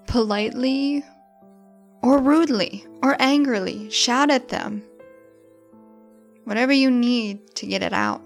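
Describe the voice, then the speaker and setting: Over music, a woman guides a meditation very unhurriedly, speaking in a gentle, informal and encouraging way. Her voice sits fairly high, with occasional touches of gravelly fry.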